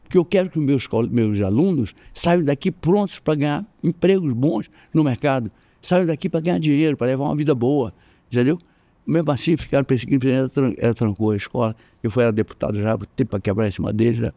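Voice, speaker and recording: An older man with a Brazilian accent, a jiu-jitsu master telling animated stories in an interview, jumping up in pitch when he quotes people. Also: quick pace, dry recording. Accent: Brazilian Portuguese. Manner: animated, acts out quoted voices with jumps in pitch. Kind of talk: storytelling in casual interview.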